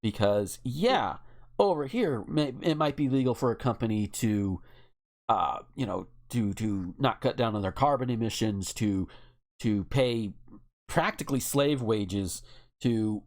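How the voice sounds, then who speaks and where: Medium-pitched, expressive, and a little mellow at a measured pace, this American podcast co-host engages in casual, opinionated political chat. The delivery is emphatic and outspoken, with plenty of swearing.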